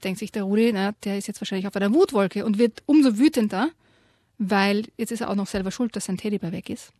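A woman co-hosting a radio show, lively retelling and reading aloud a children's story, giving quoted lines their own voice. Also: mid-range voice, fast talker, dry recording, clean studio sound. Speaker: radio co-host presenting children's books.

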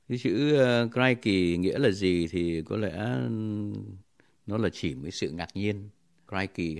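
A male English teacher explaining words patiently, pausing to think and spelling them out letter by letter. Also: low-pitched, creaky, darkish tone. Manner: pauses with thinking fillers. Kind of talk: explaining language on a radio lesson.

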